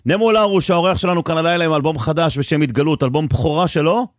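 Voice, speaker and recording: A man hosting a radio show in a casual, teasing, bantering way. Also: a little high. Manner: joking, teasing. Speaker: radio host. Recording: music bed behind voice. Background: music.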